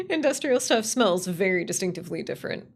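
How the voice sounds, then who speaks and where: Medium-pitched and breathy at the edges, a woman livestreamer swings her pitch widely at a moderate pace as she rambles, swears, and jokes casually with viewers. She's a streamer, writer and voice actor.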